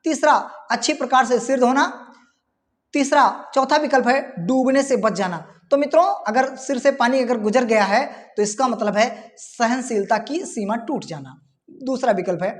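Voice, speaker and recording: A woman's voice: on the high side, normal speed, in a large hall. A woman teacher going through exam questions, reading out the options and repeating key words. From India. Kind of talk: exam-prep lesson.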